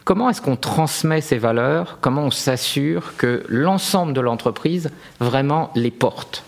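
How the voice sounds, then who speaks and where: A man's voice: mid-range voice, unhurried, creaky. A man interviewing a guest on a radio show, asking his questions hesitantly with fillers.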